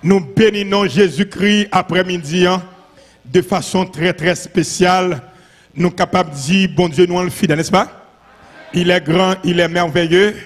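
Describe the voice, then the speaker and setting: A man with a Haitian accent leading a prayer service, shouting repeated calls to the congregation. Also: sits high, normal speed, long reverb tail. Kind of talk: call-and-response worship leading.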